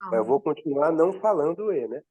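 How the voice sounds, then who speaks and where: A man's voice: on the high side, animated, fast, dry recording, lo-fi sound. A man asking tentative questions as a student in an online class. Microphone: computer mic on video call.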